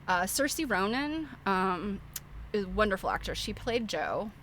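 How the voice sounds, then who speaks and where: A woman's voice: medium pitch, sing-song, measured pace, fairly bright tone, a little hiss or hum. A middle-aged woman hosting a livestream, chatting informally and giving opinionated, rambling film commentary. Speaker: livestream host. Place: live internet stream.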